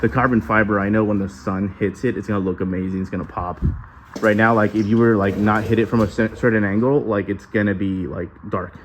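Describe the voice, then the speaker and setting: Low-pitched man, casual DIY chat. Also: steady tone, a little fast, slight background noise. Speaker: DIY car builder presenting. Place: metal-walled garage workshop.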